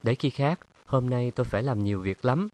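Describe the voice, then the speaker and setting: A man's voice: mid-range voice, a little fast, darkish tone, pitched above the performer's own voice, natural voice. A man voicing a stubborn, weary young woman in an audiobook, with firm, defensive retorts. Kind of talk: audiobook character reading.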